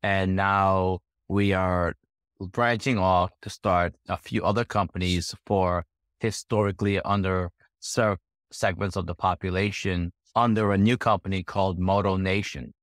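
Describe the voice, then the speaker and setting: A man from Guyana answering interview questions as a guest entrepreneur, relaxed and easygoing. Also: low-pitched, measured pace, no echo, clean studio sound. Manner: relaxed, repeats "right?" and laughs easily.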